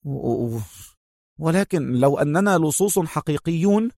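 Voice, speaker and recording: Guy voicing a touchy young civilian in an audiobook, hesitant, defensive, fairly high. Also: big pitch swings, brisk, a little mellow, no room sound, studio quality. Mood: nervous. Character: touchy young civilian man, nervous but loyal.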